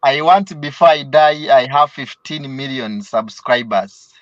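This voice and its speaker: A young Ugandan man with a Ugandan accent, a student and travel vlogger, calls in to a live stream and speaks hesitantly with fillers and laughter. His mid-range voice moves at a measured pace, and the call audio is dull and dry with no room sound.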